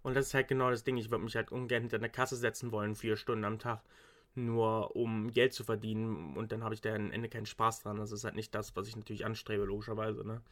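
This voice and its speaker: Talking fast in a fairly low, level voice, this young man is a university student in casual conversation. He rambles, restarts often, and drops in English slang, keeping to an everyday register.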